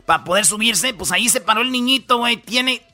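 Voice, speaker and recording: A man's voice: very high voice, expressive, fairly quick, sharp tone. A man with a Mexican Spanish accent hosting a radio comedy show, rambling through the news in slangy, jokey storytelling. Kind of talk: comic news rundown.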